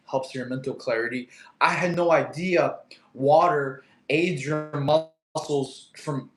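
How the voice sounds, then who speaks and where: In an echoey room, a laid-back man in his thirties with a mid-range voice hosts a casual live chat, reading comments aloud. Russian is his first language, and he's chatty, laughs often, and talks to his cat.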